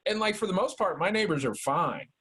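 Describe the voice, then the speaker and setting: A man's voice: sits high, expressive, a little fast, sharp tone, breathy edge. Rambling, swearing man on a podcast. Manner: rambling, heavy "like" and "dude" fillers, swears a lot. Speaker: podcast co-host. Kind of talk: casual profane chat.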